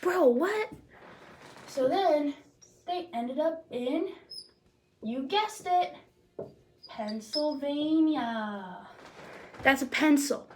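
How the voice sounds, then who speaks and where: Woman, homemade history explainer, high-pitched, goofy, slangy, lively delivery. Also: drawn-out words, long pauses, slight background noise, rough recording. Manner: playful and jokey, with slang asides; lively, with sudden loud bursts and drops to near-whispers. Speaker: presenter of a homemade history video.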